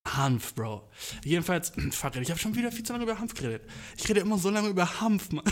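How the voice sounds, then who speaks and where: A man's voice: sits high, expressive, quick pace, slight background noise. A man hosting his own podcast, rambling in casual chat, swearing a lot and dropping English slang into his rants. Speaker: podcast host.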